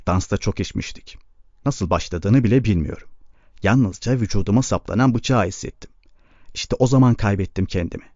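A man reading a blunt, gruff young farmhand. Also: fairly low pitch, moderate pace, a little mellow, dry recording, muffled recording, close to an everyday voice. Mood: blunt, recounting.

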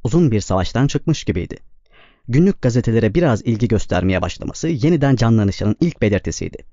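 A man reading a novel aloud as narrator, with a steady, measured delivery, in a slightly dull, dry recording. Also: lowish voice, dry recording. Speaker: audiobook narrator. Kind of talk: scripted narration.

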